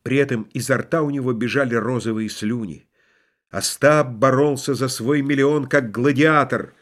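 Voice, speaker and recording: A man narrating a literary audiobook in an expressive, lively storytelling manner. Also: mid-range voice, moderate pace.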